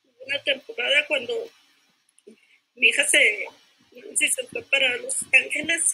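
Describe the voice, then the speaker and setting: An older woman giving her personal testimony in a church class. She speaks haltingly, repeats herself and keeps adding tag questions. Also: sits high, fairly even intonation, bright, forceful tone, breathy edge, poor audio.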